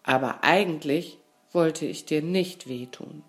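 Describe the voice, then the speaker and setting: A woman voicing a young male caterpillar friend, pushy and quick to shout, in a storybook. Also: sits low, soft background music. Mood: sorry. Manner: loud, insistent, raised voice.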